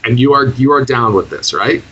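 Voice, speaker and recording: A man with a Michigan accent chatting casually, then leading a hypnosis induction in a slower, deeper, soothing voice. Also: lively intonation, sharp tone, breathy edge, highs cut off. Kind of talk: hypnosis session over a call.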